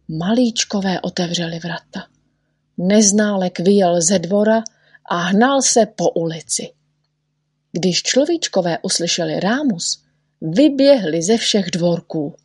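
A woman reading a children's story aloud with lively expression. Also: medium pitch, no room sound, clean studio sound.

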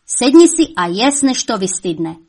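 A woman doing a shrill scolding old devil's mother. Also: close to an everyday voice.

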